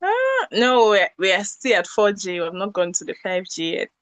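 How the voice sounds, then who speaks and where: A woman's voice: mid-range voice, wildly swooping pitch, a little fast, fairly bright tone, dry recording. A woman from Cameroon chats in a friendly way on a video call meeting. Her voice sits in a middle range. The sound is dry and close. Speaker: meeting participant.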